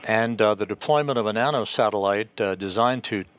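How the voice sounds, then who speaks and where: A man giving live spacewalk commentary as a mission control announcer, in a halting, measured official delivery. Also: fairly low pitch, a bit bright, dull audio. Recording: noisy mission control broadcast feed.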